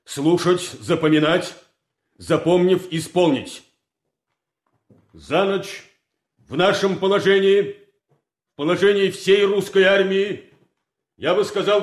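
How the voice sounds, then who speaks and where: In a period military drama, an actor plays a stern army colonel, a commanding officer full of bitter sarcasm. His high-pitched male voice declaims orders deliberately, with heavy pauses and a solemn, commanding mood, in an echoey hall.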